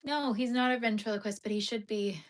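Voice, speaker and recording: On a live stream from a vertically held phone, a young woman with a slightly high voice talks a little fast as she crochets and chats casually. She reads out her chat, laughs often, and uses plenty of filler words.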